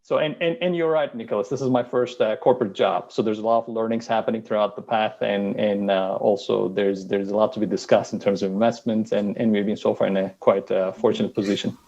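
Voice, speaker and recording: Low-voiced man from Turkey, lo-fi call. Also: fairly even intonation, gravelly, mellow. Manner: brisk, with frequent restarts and fillers. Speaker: guest, venture capital partner. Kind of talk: online interview answers.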